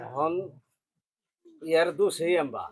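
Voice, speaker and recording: A man's voice: a little high, expressive, measured pace. A man playing a young, neglectful son in an amateur street drama. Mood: defiant. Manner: defiant, then pleading. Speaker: son who neglects his father.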